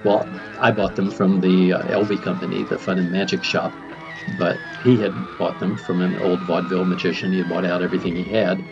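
An older man with a lowish voice reminisces as a podcast host. He is conversational and wry, and the recording is a little dull with some noise. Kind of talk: reminiscing storytelling monologue. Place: home library. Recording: muffled, faintly noisy.

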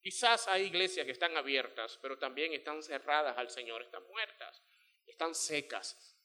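A middle-aged male pastor preaching a sermon, animated and acting out little scenes in voices. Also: fairly high pitch, normal speed.

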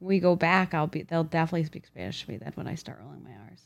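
A woman co-hosting a casual chat, answering with teasing, quick retorts. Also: sits low, gravelly, no echo, highs cut off.

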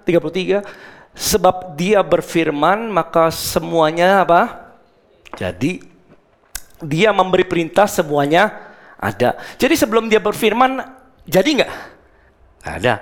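Animated gravelly-voiced male preacher. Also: sits high. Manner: animated preaching, acting out scripture quotes, mixes in English words. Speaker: pastor. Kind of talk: sermon.

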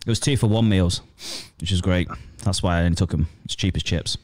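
A man's voice: deep voice, brisk, darkish tone, no echo. A British man hosting a show in casual, matey, slangy chat. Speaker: show host.

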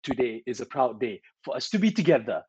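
A man with a Malaysian accent hosts a casual chat to viewers, animated and playful, with colloquial particles in his speech. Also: medium pitch, fast, slightly rough, no room sound, highs cut off. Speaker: talk show host.

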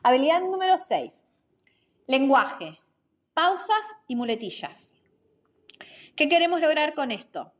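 A woman hosting an instructional podcast, explaining communication skills in a clear, measured, teacherly way with rhetorical questions. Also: high voice, sing-song.

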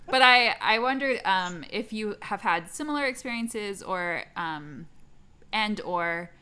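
A woman's voice: mid-range voice, animated, a little slow, bright, forceful tone, clear, resonant tone. A woman freelance screenwriter in casual conversation, frank and wryly self-deprecating. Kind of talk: casual chat.

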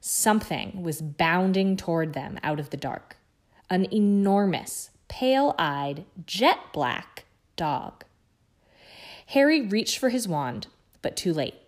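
A woman reading a book chapter aloud in a hushed, suspenseful way. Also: on the low side, animated, takes it slowly. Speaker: guest reader.

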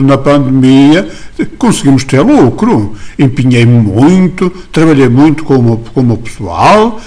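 A man's voice: medium pitch, darkish tone, close to an everyday voice. A man with a European Portuguese accent performs a comic monologue as an indignant small-business owner on the phone, stammering and insisting. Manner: stammering, insistent, repeats "menina" and "senhor assessor". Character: indignant small-town male business owner phoning a ministry. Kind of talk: comic monologue, one side of a phone call.

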